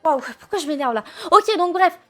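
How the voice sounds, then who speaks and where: A young woman streamer telling a long mishap story to her chat, excitable, swearing and laughing as she goes. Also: extremely high pitch, fairly quick, soft background music.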